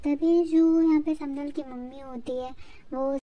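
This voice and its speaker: A woman's voice: sits high, fairly even intonation, a little slow, dull audio, a little hiss or hum. A woman retelling the plot of a drama in a chatty, informal way, slipping English words into her storytelling. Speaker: drama recap narrator. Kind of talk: casual storytelling recap.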